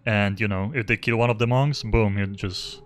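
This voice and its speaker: A young game streamer keeps up casual, meandering live commentary on a close desk microphone without a pop filter, over faint game music and slight background noise. His fairly low voice holds a steady tone at a moderate pace.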